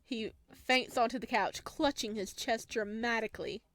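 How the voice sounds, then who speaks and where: Faint music runs behind a woman whose slightly high, somewhat bright voice moves at a normal speed. She's playing through a visual novel casually, voicing the lines and adding relaxed, chatty commentary as she goes.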